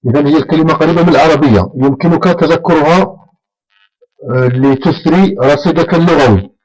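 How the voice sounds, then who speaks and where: Man teaching French vocabulary, fairly high voice. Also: darkish tone, poor audio. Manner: slow, drawn-out call-and-repeat drilling. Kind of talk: explaining French vocabulary in Arabic.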